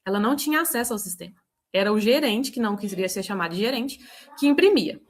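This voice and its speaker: Woman, lively storytelling, quotes others, video call audio. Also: mid-range voice, fast talker. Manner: animated, quotes herself and others. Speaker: book club participant.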